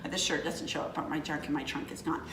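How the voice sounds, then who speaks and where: A woman in her fifties co-hosts a casual chat, telling rambling stories that keep correcting themselves. Her voice sits low with a steady tone and a quick pace. The recording is reverberant, with background noise.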